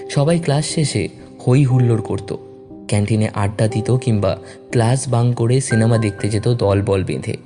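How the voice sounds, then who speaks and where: A man reads a story aloud, measured and expressive. His pitch is middling, and clear background music runs under his voice throughout. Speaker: story reader. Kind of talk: scripted story narration. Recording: narration over background music.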